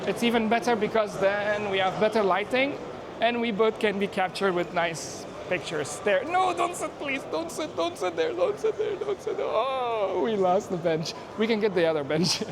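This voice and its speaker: A man's voice: sits high, big pitch swings, crowd noise. A man from Afghanistan vlogging outdoors at a busy conference on a handheld mic, chatting casually and narrating what he does. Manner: chatty, self-narrating, quick asides and laughs. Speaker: YouTuber and software engineer. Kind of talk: casual on-the-street vlog chat. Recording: noisy outdoor ambience.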